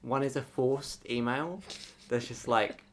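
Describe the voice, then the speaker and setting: A woman's voice: extremely low pitch, fairly even intonation, unhurried, slight background noise. A young woman co-hosting a podcast in casual, jokey chat, teasing and laughing often. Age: young adult. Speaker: podcast co-host.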